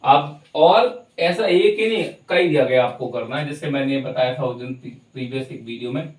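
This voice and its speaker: A man teaching English pronunciation, spelling words out letter by letter and then saying them slowly, with an Indian English accent. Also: mid-range voice. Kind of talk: explaining lesson. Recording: echoey room, far from the mic.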